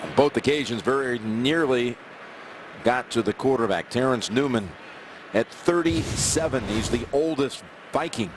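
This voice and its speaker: A man's voice: medium pitch, measured pace, noisy background. A man calling live football play-by-play in clipped, descriptive phrases. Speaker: play-by-play announcer.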